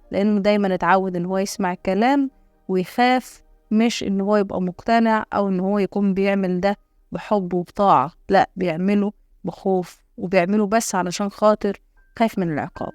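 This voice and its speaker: Fast-talking Egyptian woman coach. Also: mid-range voice, no echo. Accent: Egyptian Arabic. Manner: gentle, explanatory, acts out calm talks with a child. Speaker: parenting coach. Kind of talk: spoken parenting lesson.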